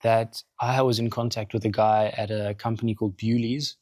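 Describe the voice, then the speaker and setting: A South African man, a podcast guest and coffee roaster founder, telling his story in casual, animated chat in a studio. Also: fairly low pitch, moderate pace, dry recording. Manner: animated, acts out quotes in other voices.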